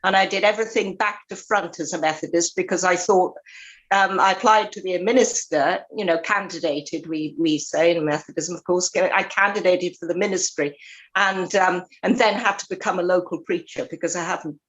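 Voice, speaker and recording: Halting older woman. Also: fairly low pitch, fairly bright tone, poor audio. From Swansea, South Wales. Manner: thoughtful, halting, many ums and restarts. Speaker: retired Methodist minister, guest. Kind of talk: casual interview chat.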